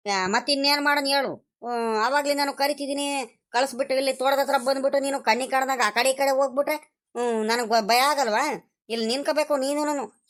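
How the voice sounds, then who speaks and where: A woman voicing a fretful, worried village man who scolds, for an animated cartoon. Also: sits high. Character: fretful village man, the rich man's brother-in-law.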